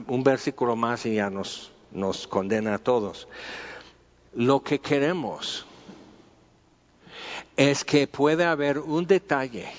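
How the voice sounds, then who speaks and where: A man teaching through a Bible passage in an informal, conversational way. He repeats himself and uses many fillers as he talks. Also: mid-range voice. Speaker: preacher. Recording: dull, lo-fi sound with long hall reverb.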